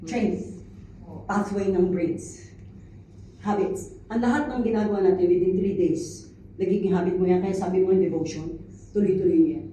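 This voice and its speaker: A woman from the Philippines preaches in a casual, lively way, laughing often and slipping into the voices of people she quotes. She is heard from a distance in a very echoey church hall. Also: medium pitch, moderate pace, a little hiss or hum. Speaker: preacher, pastor's wife. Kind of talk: conversational sermon mixing English.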